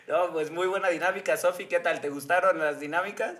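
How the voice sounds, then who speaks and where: A man's voice: high-pitched, a little fast, fairly bright tone. A man, hosting a casual podcast and joking while steering the segments. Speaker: podcast host.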